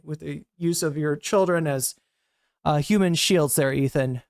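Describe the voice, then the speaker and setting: A woman's voice: on the low side, dry recording, clean studio sound. A woman streamer reacting to clips and talking to her chat, blunt and heated, with frequent swearing. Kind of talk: casual livestream commentary.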